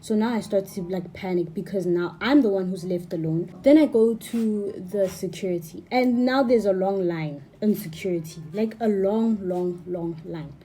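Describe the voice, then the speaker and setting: A young woman vlogger telling a rambling, animated storytime and repeating herself. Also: medium pitch, moderate pace, few pauses. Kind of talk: storytime vlog.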